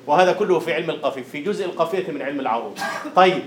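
Male lecturer, slightly high voice, drills students on meter in an echoing room. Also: animated, racing. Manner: questions students and chants rhythm syllables. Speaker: university lecturer. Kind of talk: classroom lecture on poetic meter. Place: classroom. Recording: roomy classroom echo.

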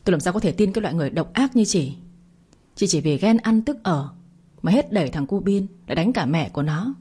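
A woman's voice: fairly low pitch, lively intonation, brisk, mellow, breathy edge. A woman voicing an angry older mother-in-law who wails and scolds, read in a storybook telling. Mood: outraged. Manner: wailing, scolding.

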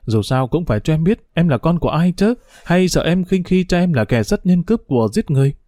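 A man's voice: fairly high pitch, animated, brisk, mellow, no echo, studio quality, voice pushed up, close to an everyday voice. A man voicing an emotional young woman in a read-aloud story, pleading and upset. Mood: hurt. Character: tearful young woman, anxious daughter.

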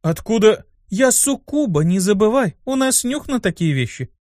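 Brief: sultry succubus recruit, a man putting her on, raised pitch, hushed whisper, teasing, audiobook. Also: big pitch swings, normal speed, no room sound, clean studio sound.

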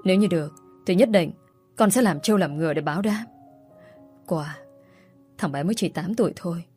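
Woman doing a desperate young mum begging, tearful, low mellow voice. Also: lightly acted. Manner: pleading, tearful. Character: desperate young mother begging for her son.

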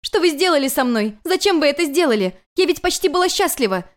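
A woman's voice: high-pitched, brisk, pitched above the performer's own voice, natural voice. A woman voicing a young female goddess student, impulsive and stormy, crying out in pleading outbursts. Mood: distraught.

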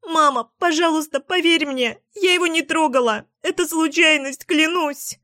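A frightened young girl, put on by a woman narrator pleads through tears, her voice pitched high and breaking. Each line comes slowly and is close and dry, with no room sound. It sounds like an audiobook character voice. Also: no room sound, lightly acted. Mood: sobbing. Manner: high, sobbing, desperate pleading. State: crying.

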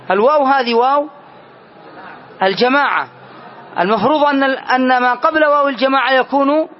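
A man teaching Arabic grammar in a classroom lesson, repeating key phrases and often asking his students if it is clear. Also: very high-pitched. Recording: dull lo-fi lesson recording.

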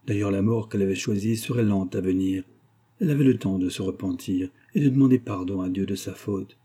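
A man reading a classic novel aloud in a measured, even storytelling manner. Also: low voice, husky. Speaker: audiobook narrator. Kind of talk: scripted narration of a classic novel.

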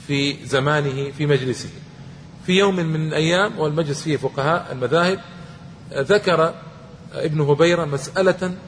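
A man's voice: on the high side, fairly bright tone. Man lecturing in a reverberant hall. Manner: storytelling, repeating phrases for emphasis. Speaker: Islamic lecturer. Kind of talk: religious history lecture. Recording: long reverb, faint background noise.

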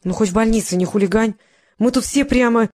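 A woman's voice: fairly high pitch, brisk, a little mellow, no room sound, lightly acted. A woman reader puts on a fussing, chatty older secretary who pours out questions in a raised, lifted voice. She sounds caring and flustered. The audiobook sound is close and dry.

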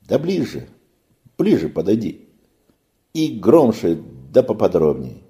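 Stately storybook captain, voiced by a man, firm and kindly, animated delivery. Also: fairly low pitch, slow, heavily acted. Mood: sympathetic. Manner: commanding but kindly. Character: middle-aged male ship captain, stately, sympathetic.

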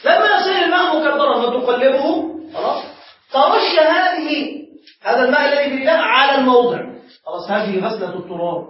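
A man's voice: very high-pitched, expressive, very fast, slight background noise. A man, a sheikh, teaching a class and asking his students questions that he then answers himself. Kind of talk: classroom lecture. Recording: echoey room, far from the mic, dull lo-fi.

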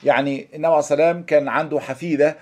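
A man's voice: on the high side, fairly even intonation, darkish tone. A man with an Egyptian Arabic accent giving a religious lesson, moving between formal recitation and colloquial explanation and posing rhetorical questions. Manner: rapid, thinking aloud with rhetorical questions. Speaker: preacher.

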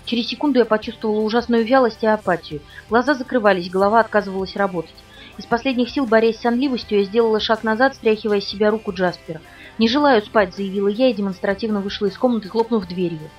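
A woman narrating an audiobook in the first person, tense and quick storytelling. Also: mid-range voice, steady tone. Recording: dull, distant recording with faint music.

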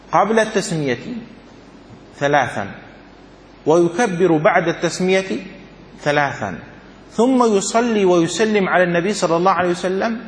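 Sheikh teaching in a roomy hall. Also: male voice, high-pitched, slight background noise. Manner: repeats phrases, asks students if it is clear. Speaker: sheikh teaching Islamic law. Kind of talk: classroom lesson, reading and explaining a text.

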